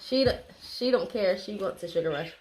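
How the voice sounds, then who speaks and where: A woman's voice: medium pitch, lively intonation, normal speed, noisy background. A woman chatting casually to camera and companions as she hosts a food taste test.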